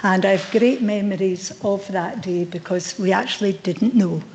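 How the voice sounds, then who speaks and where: A middle-aged Scottish woman speaks at a mid pitch in a council chamber, giving a heartfelt farewell as a departing chief officer. Her tone is reflective and sincere. A faint noise sits underneath. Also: normal speed, darkish tone, low-quality recording. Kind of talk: farewell speech at a board meeting.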